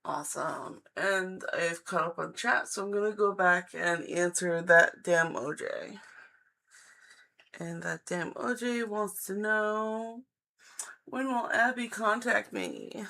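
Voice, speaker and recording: A woman giving a live psychic-hotline style card reading, speaking in halting, deliberate phrases with an encouraging, reassuring manner. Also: fairly low pitch, gravelly, pushed and bright. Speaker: live-stream tarot reader and host.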